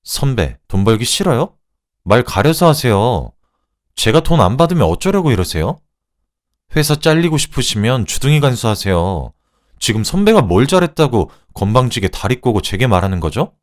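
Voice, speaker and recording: A man voicing a sharp-tongued young wife who coldly mocks her rival, his voice raised in pitch. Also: sing-song, moderate pace, natural voice. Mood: icy mocking. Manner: cold, cutting, mocking.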